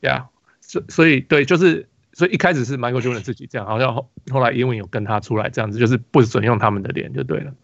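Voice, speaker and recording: A man's voice: mid-range voice, fast talker, creaky, dry recording, muffled recording. A man with a Taiwanese Mandarin accent, hosting a casual basketball podcast, telling a rambling story full of restarts and fillers. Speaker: podcast host.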